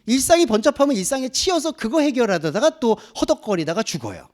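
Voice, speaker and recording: A man's voice: very high-pitched, very animated, fast talker, a little mellow. A man preaching a sermon as a pastor, asking the congregation rhetorical questions. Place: church.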